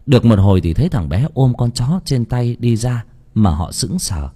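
A man narrating an audiobook story with a dramatic, expressive delivery. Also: medium pitch, normal speed, husky.

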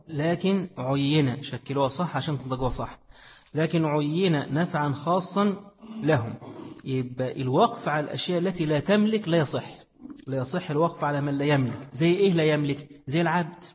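A man's voice: fairly high pitch, in a large hall, muffled recording. A man with an Egyptian Arabic accent teaching a class on Islamic jurisprudence. He keeps putting questions to his students and answering them himself. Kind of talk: classroom lecture on fiqh.

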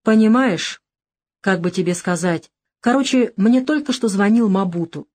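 A woman's voice: medium pitch, expressive, moderate pace, a little mellow, natural voice. A woman voicing a worried middle-aged male crime boss who talks bluntly in an audiobook. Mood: uneasy.

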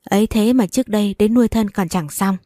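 A woman narrating an audiobook story, giving the characters' dialogue lively voices. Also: mid-range voice, brisk, dry recording, studio quality. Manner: storytelling, voicing angry and pleading characters in dialogue.

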